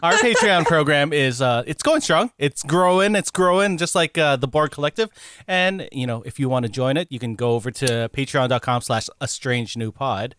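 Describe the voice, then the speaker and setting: Man, podcast co-host, relaxed live chat, dry close sound. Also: mid-range voice, moderate pace, clean tone, no echo.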